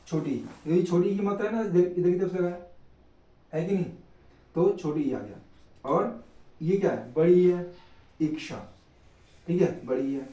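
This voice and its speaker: Guy teaching grammar, kinda high mellow voice, keeps asking then answering himself. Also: echoey room, recorded from a distance, poor audio. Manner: repeats questions and answers, checks in often. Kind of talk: Hindi grammar lesson.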